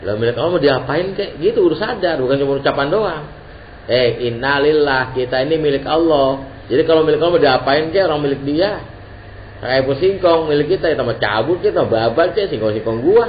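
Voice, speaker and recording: A man's voice: on the high side, quick pace. Male teacher, informal sermon, muffled lo-fi recording with light hiss. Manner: casual Jakarta-slang preaching, lively and joking. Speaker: Islamic teacher. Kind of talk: informal religious lesson. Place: religious gathering hall. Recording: dull lo-fi recording with faint hiss.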